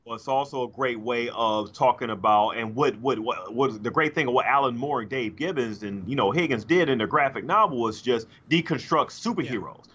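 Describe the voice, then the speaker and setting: Here a middle-aged man talks casually as a podcast co-host, hesitating and restarting with lots of fillers, briskly and with few pauses. His medium-pitched voice is a bit bright with a breathy edge. He's on a studio mic in a room at home, heard through dull, lo-fi video-call audio.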